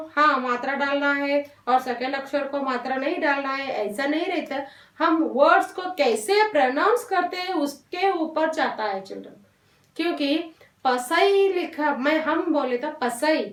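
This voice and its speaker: A woman teaching a Hindi lesson to young children, talking slowly and patiently, drawing out syllables and mixing in English words. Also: high-pitched, fairly bright tone, recorded from a distance. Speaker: primary school Hindi teacher. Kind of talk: online classroom lesson. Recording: roomy echo, voice off-mic.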